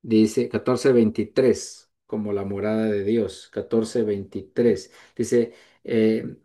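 A man preaching a sermon to a congregation, earnest, lifting his voice high on quoted prayers and softening on tender lines. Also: flat delivery, slow.

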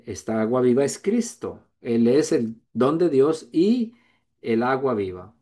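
Man preaching to his congregation, warm mellow voice, earnest, goes high then soft. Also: sing-song, measured pace. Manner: earnest, rises high on quoted prayers, drops soft on tender lines. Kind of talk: sermon.

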